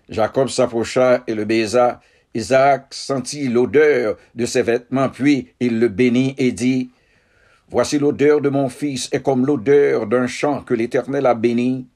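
A man reads scripture aloud in a solemn, measured manner, breaking the text into short phrases. He takes his time, with a very unhurried pace and an ordinary mid-range pitch. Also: darkish tone. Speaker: Bible reader. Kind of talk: scripture reading.

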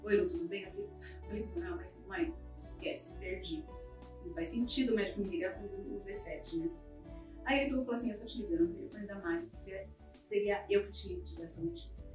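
A woman with an expressive mid-range voice talks fast as she tells a podcast audience a personal story, acting out everyone's words vividly. It's recorded on a far-off mic in a roomy space with quiet music in the background.

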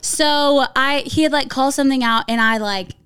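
A woman hosting a podcast, telling a story in a casual chat among friends, animated and swearing freely as she acts out what people said. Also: high voice, moderate pace, clear, resonant tone. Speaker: podcast host.

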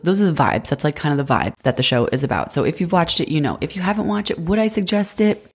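A woman's voice: low-pitched, lively intonation, fast talker, husky. A woman in her twenties hosting a casual solo podcast, sick and congested, with a nasal voice and a chatty manner full of "like". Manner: chatty, frequent "like" fillers. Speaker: podcast host.

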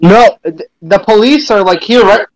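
A man in a casual voice chat, his voice bent by a voice changer toy, talking loud and excitable over a muffled mic. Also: high voice, moderate pace, no room sound. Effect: voice changer toy distorting his voice. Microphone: muffled online chat microphone.

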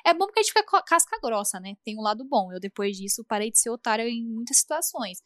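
A young Brazilian woman co-hosting a podcast in casual chat with a Brazilian Portuguese accent, animated and acting out quoted friends. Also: a little high, fast talker, dry recording, studio quality. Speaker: podcast co-host.

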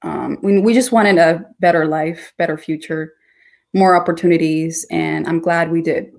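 Young woman with a low, chatty voice. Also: fairly even intonation, normal speed, vocal fry, a little mellow. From Ecuador. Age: 20s. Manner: laughs easily, casual and chatty. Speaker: guest. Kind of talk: casual chat.

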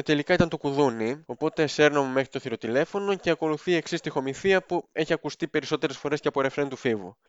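A man with a fairly high, smooth and crisp voice tells his story in a dry, self-mocking way. The sound is dull and dry, with no room around it. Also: no echo. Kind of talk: casual storytelling.

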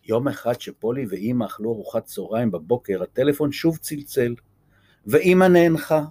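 A man reading a children's chapter book aloud, gentle and lively. His voice sits at an ordinary pitch, and the sound is dry and close. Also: dry recording. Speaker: storyteller.

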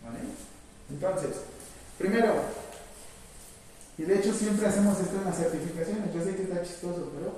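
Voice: medium pitch, normal speed, long pauses, mellow. Echoey nursing instructor. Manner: coaching, asks questions, urges energy. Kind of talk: hands-on first aid class. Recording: echoey hall, far from mic, faint room noise.

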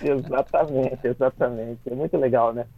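Over a noisy crowd, a gravelly Brazilian man speaks at a moderate pace with a medium pitch and steady tone through a dry, tinny phone line. As a conductor explaining classical music in cartoons on casual radio, he's chatty, restarts a lot, tacks on tag questions, and laughs as he explains.

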